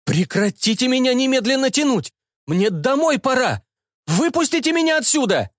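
A frantic cyborg repairman shrieks and begs in a strained, high voice that swoops up and down, as a man reads him in an audiobook. The sound is close and dry. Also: very animated, fairly bright tone, dry recording, heavily acted. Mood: panicked. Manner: high, shrill, rapid pleading. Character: panicky male cyborg mechanic, pleading and indignant. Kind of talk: audiobook character voice.

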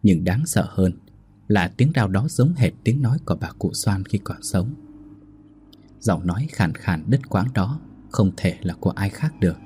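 A man narrating a spoken ghost story in a steady, somber way. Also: lowish voice, normal speed, a little hiss or hum.

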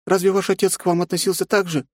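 A man voicing a hurt teenage girl who pleads with her father in a high, tearful voice. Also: little pitch movement, fast, no room sound, studio quality. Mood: upset.

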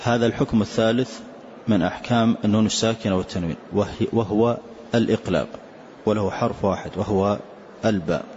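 Low-voiced guy explaining recitation rules, demos words slowly, dull lo-fi recording with faint hiss. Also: darkish tone. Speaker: Quran recitation teacher. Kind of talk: classroom lesson on tajweed rules.

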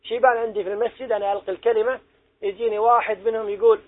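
High-voiced preacher, tinny sound. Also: male voice, steady tone, racing. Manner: earnest, exhorting, asks listeners questions. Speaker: preacher teaching young people. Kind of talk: religious lesson. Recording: tinny phone-like recording.

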